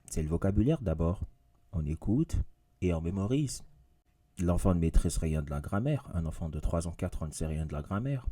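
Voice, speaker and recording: A man's voice: sits low, animated, normal speed, mellow. A man teaching in a casual video lesson, talking straight to his viewers and repeating his points with emphasis. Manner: repetitive, emphatic, addresses viewers directly. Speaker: English teacher.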